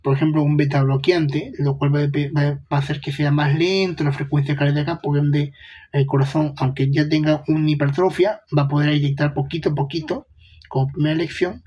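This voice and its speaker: A man's voice: a little high, fairly even intonation, fairly quick, a little mellow, lo-fi sound. A young man giving a casual medical lecture, chatty, with rhetorical questions and slangy asides.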